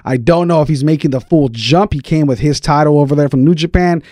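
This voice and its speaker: A man's voice: fairly high pitch, fairly quick, darkish tone, no room sound, studio quality. A man co-hosting a podcast, talking casually as a sports commentator would among friends. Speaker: podcast co-host. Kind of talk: casual wrestling talk.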